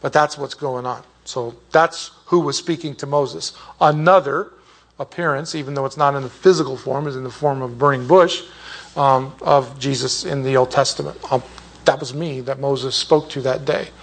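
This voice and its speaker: A man's voice: mid-range voice, fairly even intonation, normal speed, breathy edge. A man teaching an informal Bible class, rambling off on side points and restarting his sentences often. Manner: rambling and digressive, with many restarts.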